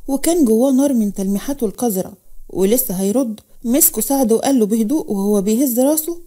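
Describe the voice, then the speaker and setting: A woman with an Egyptian accent narrating a dramatic story in a brisk way. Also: fairly high pitch, mellow.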